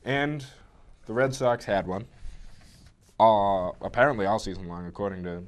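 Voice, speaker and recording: A man co-hosting a casual sports chat show, talking in a relaxed, rambling way with frequent restarts. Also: on the low side, moderate pace. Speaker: sports talk co-host.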